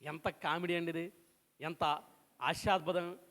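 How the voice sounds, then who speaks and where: A man delivers a sermon with a high, lifted voice. He retells an old scripture story and acts out its voices, pressing the listeners with question after question. His words ring out in a church hall with a long reverb. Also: fairly even intonation, unhurried, fairly bright tone. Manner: retells scripture with acted quotes and rhetorical questions. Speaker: pastor.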